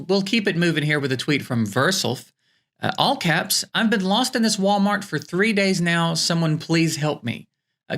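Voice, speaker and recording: A man's voice: a little high, a bit bright. A man hosting a comedy show, reading fake tweets aloud in a bemused way with stammering restarts.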